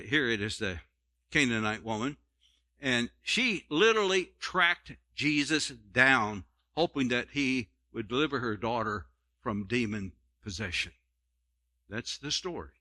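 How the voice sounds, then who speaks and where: A male pastor preaching a sermon and telling a Bible story with animated, folksy asides and frequent repeated words. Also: medium pitch, unhurried.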